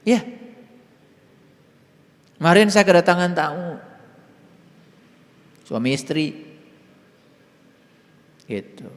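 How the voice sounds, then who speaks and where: A man's voice: high voice, expressive, extremely slow, long pauses. Sundanese-accented man teaching in a reverberant hall. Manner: conversational, shifts between soft murmurs and loud emphatic stresses. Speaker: Islamic spiritual teacher. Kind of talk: informal spiritual sermon.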